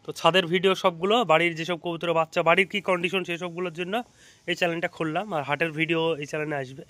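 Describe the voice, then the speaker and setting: A man's voice: a little high, little pitch movement, racing, sharp tone, no room sound. A man with a Bengali accent casually vlogging on a rooftop, explaining as he feeds his pigeons. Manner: chatty, explaining while feeding birds. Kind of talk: casual vlog to camera. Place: outdoors on a rooftop.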